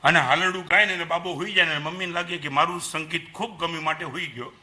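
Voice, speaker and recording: An older man with a Gujarati accent giving a lively Jain sermon, dropping to soft asides and rising to loud emphasis, asking the audience questions. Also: on the high side, fast. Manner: animated preaching, swings between soft asides and loud emphasis. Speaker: Jain monk lecturer. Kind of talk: sermon to an assembly.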